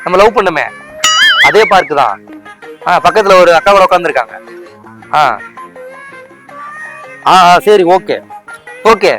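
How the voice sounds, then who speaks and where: A man with a Tamil accent, talking in hidden-camera prank banter on a park bench outdoors, complaining and ranting loudly. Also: high voice, lively intonation, a little slow, pauses often, soft background music. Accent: Tamil Nadu.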